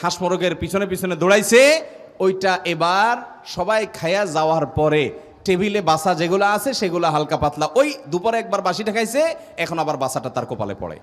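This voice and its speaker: High-voiced male preacher in a reverberant hall. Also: lively intonation, moderate pace. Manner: rhetorical refrains, repeated lists, acts out family voices. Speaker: Islamic preacher. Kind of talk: waz sermon with storytelling.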